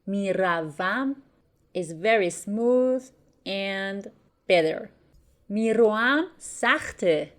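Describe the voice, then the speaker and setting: Woman teaching grammar slowly. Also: fairly low pitch. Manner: slow, careful enunciation of example words. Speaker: language teacher. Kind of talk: bilingual grammar lesson.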